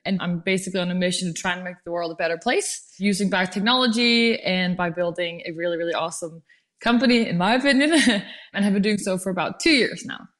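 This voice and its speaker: Young woman from Denmark, startup founder, relaxed rambling guest talk. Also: on the low side, brisk. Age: young adult. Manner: chatty, heavy use of "like" fillers. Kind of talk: casual interview chat.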